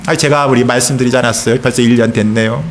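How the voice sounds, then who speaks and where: A middle-aged man, a pastor, preaching a sermon in church, telling a personal story in an earnest, unhurried way with pauses. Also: mid-range voice, fairly even intonation.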